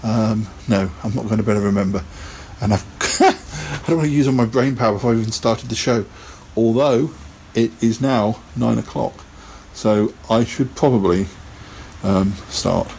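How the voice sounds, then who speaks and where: A man's voice: fairly low pitch, moderate pace, creaky, a little mellow, a little hiss or hum. A man hosting a casual live podcast, chatting in a rambling way and laughing often. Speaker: podcast host.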